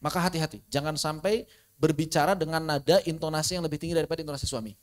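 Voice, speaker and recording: A man with a fairly high voice gives an online religious lesson in a relaxed, conversational way. He keeps asking his listeners rhetorical questions, dropping to soft asides and then rising into animated emphasis. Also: very fast. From Indonesia. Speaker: Islamic studies teacher. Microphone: online class recording.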